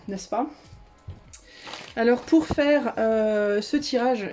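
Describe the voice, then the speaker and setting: A woman's voice: on the high side, warm tone. Woman, tarot reader, casual and rambling, often laughing, hesitant restarts. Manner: chatty, hesitant, many fillers and restarts. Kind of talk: casual video chat.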